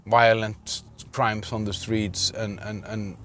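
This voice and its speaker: A man's voice: fairly low pitch, little pitch movement, takes it slowly, fairly bright tone, slight background noise. Rambling man from Iceland. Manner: rambling, many fillers and restarts. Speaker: vlogger. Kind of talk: casual vlog monologue. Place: in a car.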